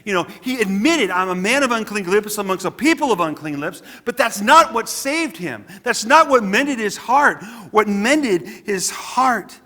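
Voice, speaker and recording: Earnest high-voiced man preaching in a hall. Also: lively intonation, unhurried, few pauses, sharp tone. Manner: earnest, conversational preaching with frequent restarts. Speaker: pastor. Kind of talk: sermon. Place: church sanctuary.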